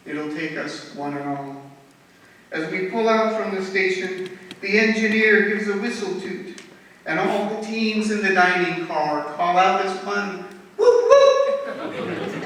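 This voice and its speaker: Brief: woman poet at a talent show, slow, steady verse delivery, recorded from far off in an echoey hall. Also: fairly low pitch, a little hiss or hum. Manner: measured, rhythmic recitation of rhymed verse. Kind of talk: poetry reading.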